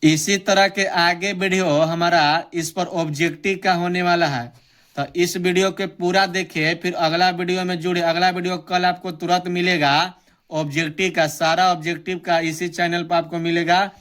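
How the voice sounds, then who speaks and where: A young man giving an exam-prep grammar lesson, reading out definitions slowly and repeating them. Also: high-pitched, level tone, a bit bright. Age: young adult. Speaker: teacher.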